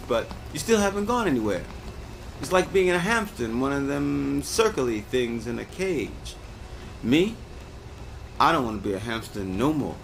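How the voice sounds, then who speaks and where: An actor playing a world-weary prison inmate who narrates in a blunt, sardonic, profane way. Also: male voice, medium pitch, fairly bright tone. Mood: boastful. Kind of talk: scripted TV drama monologue. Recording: audible background noise.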